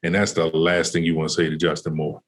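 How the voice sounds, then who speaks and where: A man's voice: very deep voice, fast talker. A man, a basketball coach, telling a story in a casual podcast interview, with lots of fillers and restarts. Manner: animated when retelling conversations. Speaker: college basketball associate head coach.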